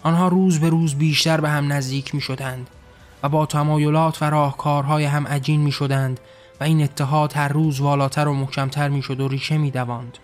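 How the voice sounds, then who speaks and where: A man narrating a scripted story in a steady, even reading. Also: fairly high pitch, faint music behind.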